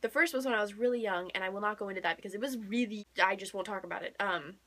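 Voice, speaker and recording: Talking very fast in a bright, forceful, medium-pitched voice, a young book vlogger chats casually to the camera. Her tone is gushing and emphatic, and she frequently doubles up words to stress them.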